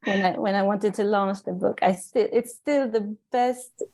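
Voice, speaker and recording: A woman from Sweden with a Swedish accent, an author reading aloud from her own book in an earnest, measured way with small restarts. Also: medium pitch, fairly even intonation, darkish tone, rough recording. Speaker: author and guest.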